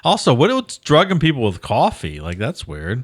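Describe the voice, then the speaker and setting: A man co-hosting a podcast, joking around with quick interjections during casual banter. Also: mid-range voice, wildly swooping pitch, no echo, studio quality. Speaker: podcast co-host.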